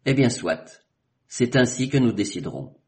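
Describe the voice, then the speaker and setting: A man's voice: medium pitch, lively intonation, moderate pace, pitched above the performer's own voice, natural voice. A man doing Bit-Boy, a bold ship captain. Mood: commanding. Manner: loud, emphatic declarations.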